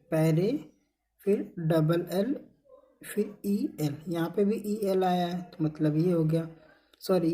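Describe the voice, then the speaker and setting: A woman teacher with a Hindi accent walks through spelling rules at an unhurried pace. Her voice is soft and mellow. She keeps asking the class a question and answering it herself, repeating each word slowly. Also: lowish voice. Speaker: English teacher. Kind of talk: classroom phonics lesson.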